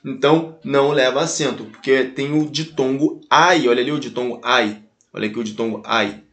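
A man's voice: medium pitch, fairly quick, faint music behind. A Brazilian man with a Brazilian Portuguese accent teaching an online grammar lesson, talking straight to his students and spelling out each example again and again. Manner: animated, addresses students directly, repeats and spells out examples. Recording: echoey room.

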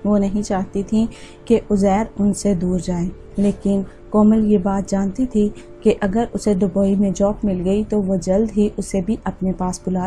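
A woman telling a storybook tale in a mellow, dark voice, with an even, measured delivery. Faint music plays beneath her reading. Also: mid-range voice. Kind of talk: scripted narration.

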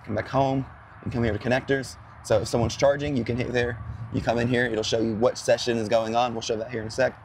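A hoarse man whose voice is fading, talking quickly and loosely outdoors beside a charging station. He rambles and fills gaps with ums as he explains. There is faint noise around him. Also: mid-range voice, flat delivery. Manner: chatty, rambling, full of fillers. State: hoarse, losing his voice. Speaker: co-host. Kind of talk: casual explanatory chat.

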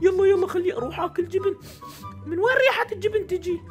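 فأر صغير مشاغب بصوت رفيع جداً. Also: male voice, fast, faint music behind. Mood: whiny. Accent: Iraqi Arabic. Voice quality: squeaky, high and nasal. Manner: taunting, giggly, whiny. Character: cheeky poor little male mouse, squeaky and defiant. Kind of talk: Minecraft machinima voice acting.

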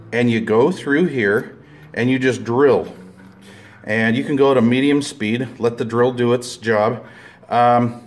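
A man talking through a hands-on repair tutorial in a rambling, plain-spoken way, full of fillers and restarts, filming close-up at a table indoors. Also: mid-range voice. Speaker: DIY video maker.

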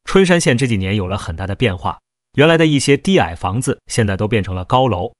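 Steady male storyteller, dry close sound. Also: on the low side, fast, no echo. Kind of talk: first-person novel narration.

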